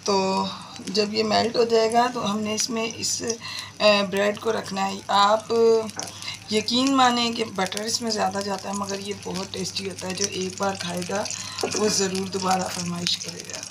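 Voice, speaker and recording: Heavy background noise surrounds this cooking channel host as she talks viewers through a recipe in her home kitchen. She has a Pakistani Urdu accent and a mid-range, unhurried voice with little pitch movement, chatting and repeatedly pointing things out.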